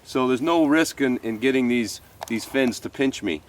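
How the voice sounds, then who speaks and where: With a mid-range voice and moderate pace, a man in his fifties hosts an outdoor fishing program by a creek, speaking loosely and folksily to the camera. He's a bit stuffy from a cold, and his talk is peppered with easy "uh"s and frequent mentions of "folks."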